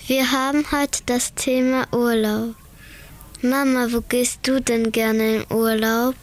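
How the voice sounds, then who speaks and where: A young woman hosts a casual radio interview with her mother. Her voice sits a little high and stays flat, with little rise and fall. She asks plain, steady questions. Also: slow pace. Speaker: interviewer, daughter.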